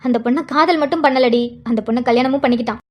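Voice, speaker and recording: Woman doing tearful cartoon mother, high voice, fast, anguished. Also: darkish tone. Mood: anxious. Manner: anguished, pleading to god. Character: worried middle-aged mother, tearful.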